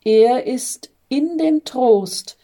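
A woman voicing an old, wise angel who calmly explains, in a storybook reading. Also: high voice, extremely slow, exaggerated voice. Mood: gentle. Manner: calm, explaining.

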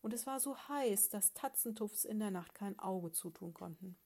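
A woman reading a children's story aloud in a calm, even storytelling manner. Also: mid-range voice, moderate pace.

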